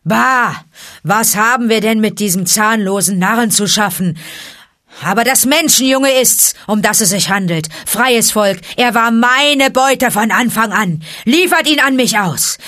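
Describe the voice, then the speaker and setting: A woman's voice: fairly low pitch, moderate pace, fairly bright tone, slightly rough, dry recording, clean studio sound. A woman reading an audiobook, voicing a proud, hateful male tiger who bellows threats at the pack. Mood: raging. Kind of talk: audiobook character voice.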